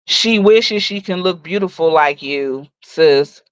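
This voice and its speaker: A woman in her forties delivering a profane, mocking rant full of loud insults as she roasts someone on her stream. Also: low-pitched, lively intonation, slow pace, clear, resonant tone, no echo. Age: 40s. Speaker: livestream host. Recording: dull dry lo-fi recording.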